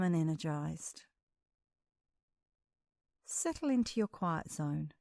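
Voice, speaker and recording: In studio-quality audio with no room sound, a woman instructs a guided meditation. Her voice is lowish, and she speaks in a calm, soothing, measured way with long pauses.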